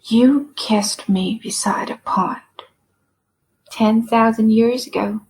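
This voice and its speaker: A woman voicing a frail, dying male writer who speaks in a soft, half-whispered, weary and rambling way. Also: fairly high pitch, fairly even intonation, slow pace, husky, full character voice. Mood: wistful. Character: frail dying middle-aged male writer, self-deprecating.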